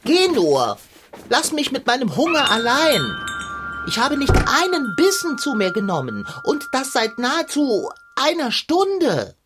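A woman's voice: sits high, wildly swooping pitch, measured pace, over loud music, exaggerated voice. A woman voicing a pompous, plump male sidekick who is always hungry, speaking in grand, old-fashioned phrases in a children's radio play. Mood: whiny, grandiose.

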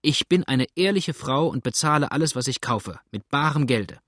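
A male reader voicing an indignant, chattering old widow with a shrill, scolding voice. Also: animated, normal speed, fairly bright tone, no echo, clean studio sound. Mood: huffy.

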